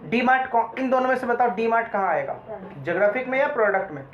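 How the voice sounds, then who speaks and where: A man's voice: very high-pitched, expressive, fast talker, a bit bright. Man lecturing a class, quizzing students. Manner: addresses students as "beta", quizzes them often; mixes Hindi with English terms. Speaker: law lecturer. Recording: echoey room, dull lo-fi sound.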